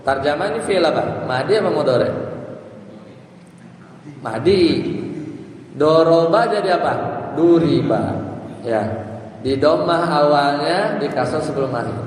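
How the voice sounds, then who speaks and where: Slow, echoey male religious teacher. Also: on the high side, animated. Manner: quizzes listeners, chants Arabic text in a sing-song. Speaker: Islamic teacher. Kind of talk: grammar lesson. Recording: very echoey hall, faint background noise.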